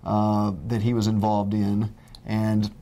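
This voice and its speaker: A man's voice: on the low side, completely flat delivery, takes it slowly, mellow. A man co-hosting a casual newspaper news update, folksy and joking as he rambles.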